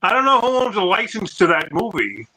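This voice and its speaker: A man chatting casually as co-host of a collectibles show, rambling with halting restarts, his voice clipping and distorted through a phone mic. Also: high voice, sing-song, over a noisy crowd. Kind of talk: casual online show chat.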